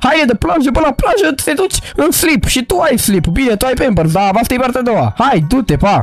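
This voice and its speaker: A man's voice: very high-pitched, lively intonation, faint music behind. A man, host of the video, scolding a silly friend in comic role-play banter, stammering in exasperation.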